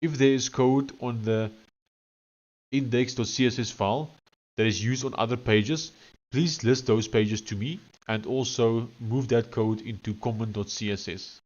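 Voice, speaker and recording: Male live streamer, broad Afrikaans South African accent, mid-pitched, casual chat and dictation, slightly lo-fi audio. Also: steady tone, measured pace, darkish tone. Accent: thick Afrikaans South African. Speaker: live streamer coding on screen.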